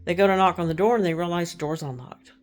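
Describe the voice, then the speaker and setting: A woman from Texas talks fast in a lowish voice as she casually retells a true crime case. She's chatty, acting out the people she quotes and slipping into hushed tones.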